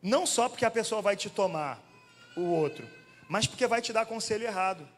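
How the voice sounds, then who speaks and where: A man's voice: high voice, fairly quick, slight background noise. Man, pastor preaching, conversational and questioning, long church hall echo. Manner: animated, conversational, asks the crowd questions. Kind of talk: sermon.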